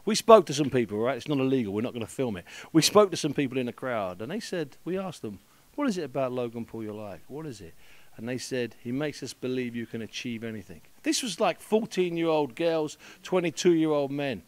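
A man's voice: medium pitch, animated, brisk, a little mellow, no room sound. An older British man interviewing a boxer in a locker room, talking emphatically and piling on praise. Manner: emphatic, rising to fervent praise. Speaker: radio sports interviewer. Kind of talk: post-fight interview. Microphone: handheld mic.

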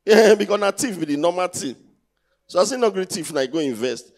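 His high-pitched voice is animated, brisk and darkish in tone. The man, in his thirties with a Nigerian accent, performs teasing, conversational stand-up in a large indoor theatre, asking the crowd rhetorical questions on a handheld stage microphone.

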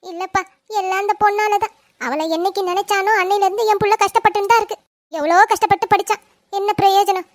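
A woman's voice: very high voice, steady tone, quick pace, no echo, studio quality. A woman voicing a worried, fretful middle-aged mother in a cartoon family drama. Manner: fretful, complaining.

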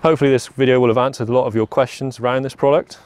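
A man's voice: mid-range voice, fairly even intonation, rapid-fire, a little mellow, clear, resonant tone. A young man giving a plain, practical walkaround of a farm machine outdoors on a lawn, often repeating "very, very". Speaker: product presenter. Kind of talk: product walkaround demo.

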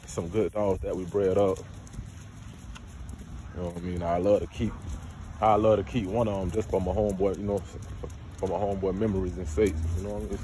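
A young man with a low-pitched, warm voice vlogs casually about dog breeding as he walks his dog down a neighborhood sidewalk. He is laid-back and slangy, talking to his dog between remarks. The handheld phone records outdoors, with clear background noise.

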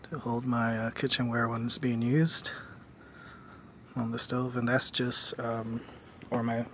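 Filmed outdoors on a phone held in hand, a middle-aged man loosely walks viewers through the camping trailer he built, using plenty of fillers. He's on a residential lawn, speaking at a medium pitch, with a little hiss or hum audible.

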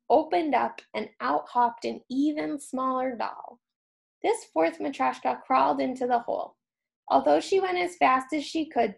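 A woman reading a children's storybook aloud, telling it expressively as a childcare staff member. Her voice sits a bit high and carries a strong gravelly crackle.

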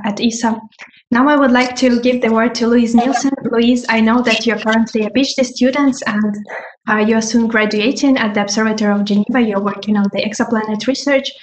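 A woman moderating an online event, thanking one speaker and politely introducing the next. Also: a little high. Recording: echoey room, faint noise.

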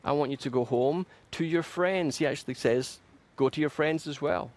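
A man's voice: on the high side, moderate pace. Earnest man preaching a sermon. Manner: earnest, emphatic preaching with repeated phrases and restarts. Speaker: pastor. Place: church.

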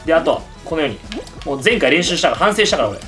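A man hosting excited game commentary, yelling at his teammates and the game. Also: on the high side, rapid-fire, faint music behind. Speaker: gaming channel host.

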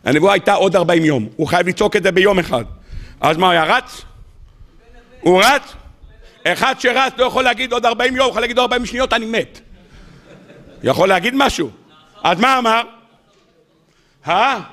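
Animated rabbi with a high, bright voice. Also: male voice, long pauses. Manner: animated, rhetorical questions to the audience; humorous, acts out scenes. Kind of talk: weekly Torah sermon.

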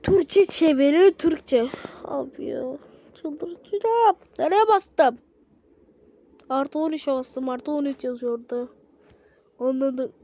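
A woman casually reacting to short videos, rambling and excitable, swearing often. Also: high-pitched, takes it slowly, long pauses.

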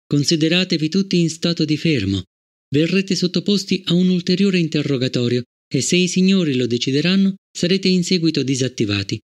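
A man reading an audiobook, voicing a cold, relentless male guard robot with a flat, formal manner. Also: fairly high pitch, fairly quick, natural voice. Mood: stern. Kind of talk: audiobook character voice.

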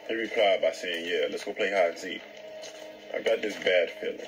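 Low voiced guy telling a creepy story calmly, music playing under him. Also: normal speed, rough recording. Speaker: story narrator. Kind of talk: scripted horror story narration. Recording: narration with background music.

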